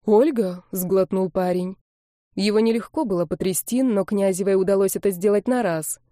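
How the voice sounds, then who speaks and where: Mellow-voiced woman narrating a novel. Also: medium pitch, fairly quick, no room sound, clean studio sound. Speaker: audiobook narrator. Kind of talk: storybook narration.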